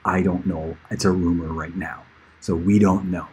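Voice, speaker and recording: Low-pitched and mellow with a breathy edge, his voice holds a steady tone at a moderate pace. This middle-aged musician chats informally on a livestream for fans and friends, straying from aside to aside and chuckling now and again.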